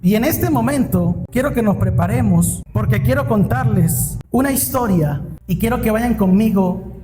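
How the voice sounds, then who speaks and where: A man preaching a sermon as a dramatic story, speaking with emphasis and building to shouted peaks. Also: high-pitched, expressive, normal speed. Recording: echoey hall with music underneath.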